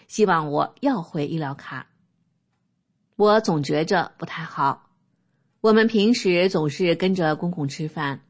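A woman reading a first-person personal testimony aloud in a calm, steady manner. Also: on the low side. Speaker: narrator.

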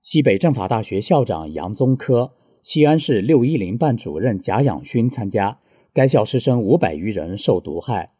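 A man reading scripted news in a steady, formal way. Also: lowish voice, moderate pace, husky, no room sound. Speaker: news reader.

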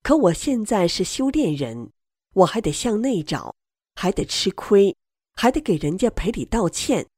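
A woman reading a first-person story aloud in a slow, measured storytelling manner. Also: mid-range voice, sing-song, warm tone, dry recording, studio quality. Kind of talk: scripted narration.

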